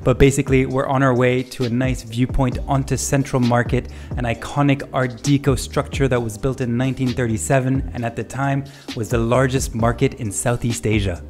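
A man's voice: mid-range voice, fairly even intonation, a little fast, a little mellow. A man in his thirties, a travel vlogger, talking casually and enthusiastically to a handheld camera held at arm's length outdoors. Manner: chatty, enthusiastic. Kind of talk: casual vlog narration. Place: outdoors on a city rooftop and streets. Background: background music.

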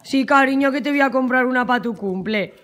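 A woman's voice: high-pitched, brisk, a bit bright. A woman from Spain talking in coaxing baby talk to her pet dogs in a casual home video. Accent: Spanish from Spain. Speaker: vlogger, dog owner.

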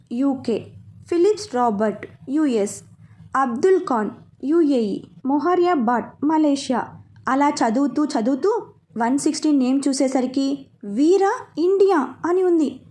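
A woman narrating a serialized romance story in a steady, plain storytelling manner. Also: high-pitched, measured pace.

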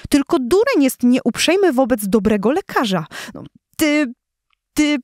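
Brief: fierce lioness mother, scolding and roaring, high and loud, read by a woman. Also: big pitch swings, unhurried, dry recording, studio quality. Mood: furious.

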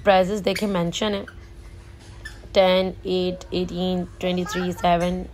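In this casual shopping vlog, a woman strolls a large supermarket indoors, chatting and mixing English words and prices into her narration. Her fairly low voice is a little mellow, completely flat in delivery and measured in pace, with a little hiss or hum in the recording.

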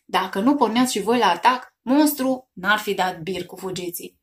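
A woman voicing a small, scared but brave boy in a storybook reading, eager and excited. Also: mid-range voice, close to an everyday voice. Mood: relieved.

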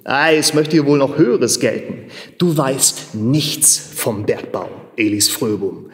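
A man voicing a stern, proud old miner who urges and scolds in a grave, deliberate way. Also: mid-range voice, close to an everyday voice. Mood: indignant. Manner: urging, grave, at times angry. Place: large machine workshop hall in a theater. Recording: long reverb of a large hall.

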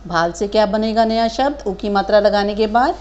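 A woman teaching a kindergarten Hindi lesson, stretching out each word slowly and asking gentle questions of young children. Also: mid-range voice, muffled recording. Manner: slow drawn-out syllables modelling words for children; patient questioning, addresses children as beta.

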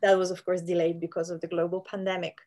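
A Polish woman, a plant scientist whose first language is Polish, describes her research in a virtual interview from a room at home filled with plants. Her voice is lowish, dark, and level, and she speaks quickly but hesitantly, with many fillers, over a video-call microphone.

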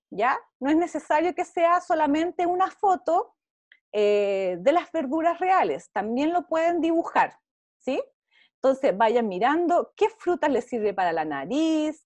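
Over a video call, a woman who teaches visual arts guides small children through an art class in her Chilean Spanish accent, her high pitch rising and falling with encouragement. Her tone is a little mellow, and she keeps asking "¿ya?" to make sure they're following. The sound is close and dry, free of any room echo.

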